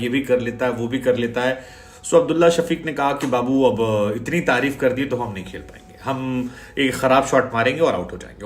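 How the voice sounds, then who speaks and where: A man's voice: a little high, a bit bright, roomy sound. A man giving a chatty, sarcastic cricket match analysis, dropping English phrases into his talk.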